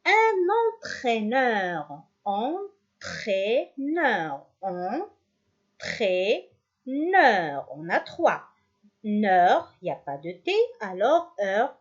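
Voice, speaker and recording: Woman teacher, slow and sing-song delivery, dull lo-fi sound. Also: mid-range voice, a little mellow, husky. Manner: slow, drawn-out syllable drilling, switching to quick asides. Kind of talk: classroom lesson.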